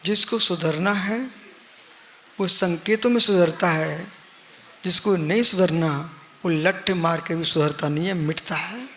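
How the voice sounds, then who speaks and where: A man preaches to a live gathering as a monk, his high voice carrying a bright, sharp edge. He speaks very slowly, circling back to the same short phrases and posing rhetorical questions. His volume keeps shifting between forceful emphasis and hushed, low delivery. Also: slight background noise. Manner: slow, repetitive teaching with emphatic refrains and rhetorical questions; swings between loud stress and near-hushed low lines. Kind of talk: live religious discourse.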